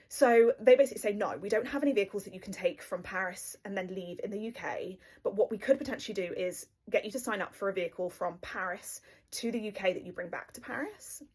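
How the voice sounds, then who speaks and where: A woman's voice: mid-range voice, husky. A young woman from the UK telling her story in a casual, breathless rush, with lots of fillers. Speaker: storyteller recounting her marriage.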